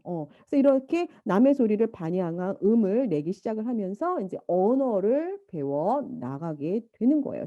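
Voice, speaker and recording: A woman giving a lecture, lively and animated, now and then imitating baby babble and a mother's talk. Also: medium pitch, dry recording, highs cut off. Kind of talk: university lecture.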